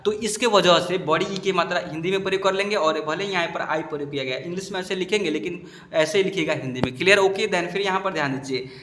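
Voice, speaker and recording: A man teaching students to read English spellings, spelling each word out slowly and asking if they understood. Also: high voice, a bit bright. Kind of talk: explaining a lesson to students. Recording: echoey room.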